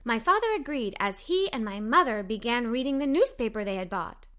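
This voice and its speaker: The speaker is a woman reading a kids' story aloud from a script, expressively voicing a cheerful young girl narrator. She speaks briskly and expressively in a highish, slightly bright voice.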